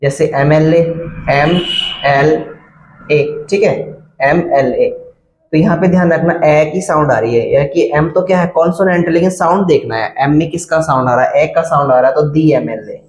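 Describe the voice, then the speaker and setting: A man's voice: a little high, brisk, hardly any pauses, darkish tone, reverberant, low-quality recording. A man teaching an English grammar lesson, spelling words out letter by letter and often checking that his students follow. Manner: repeats key words and asks "clear?" often.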